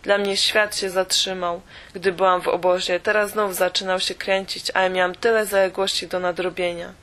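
A woman reading a first-person audiobook in a steady, measured way. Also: lowish voice. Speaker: audiobook reader.

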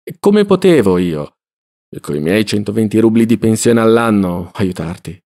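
Loving, anxious elderly mother as a male reader voices her, earnest, low tone. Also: sing-song, moderate pace, dark tone. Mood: tender. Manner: tender, earnest letter-reading. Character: loving worried elderly mother writing a letter.

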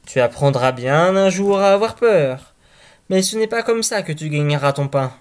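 A man's voice: fairly high pitch, expressive, normal speed, lightly acted. A man reading a fairy tale aloud, voicing an exasperated peasant father who scolds his son. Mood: stern.

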